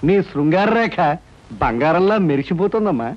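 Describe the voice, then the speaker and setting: A man's voice: a little high, lively intonation, moderate pace, a little hiss or hum, lightly acted. A man playing a fawning palm reader. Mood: flattering. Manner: singsong, fawning, theatrical. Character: fussy male palm reader, sly flatterer. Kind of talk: 1980s film comedy acting. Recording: dull old film soundtrack.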